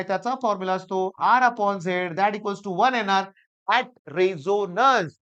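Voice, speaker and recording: A man with a Marathi accent teaching physics for an exam, hoarse from a sore throat, coaxing his students and repeating the key points. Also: sits high, a bit bright, dull audio. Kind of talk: exam-prep lecture.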